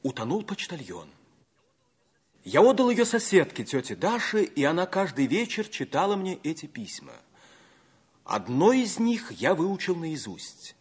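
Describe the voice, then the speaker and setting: A man's voice: fairly high pitch, measured pace, husky, full character voice. An actor playing an earnest, romantic young man in a theatrical old radio drama style. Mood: solemn, dreamy. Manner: theatrical, declamatory, expressive. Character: Sanya, earnest, romantic young man telling his life story.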